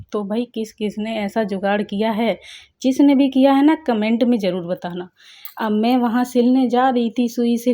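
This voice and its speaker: A woman's voice: fairly high pitch, mellow. A middle-aged woman narrating her home vlog in a chatty, playful way, joking with viewers as she goes. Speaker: vlogger.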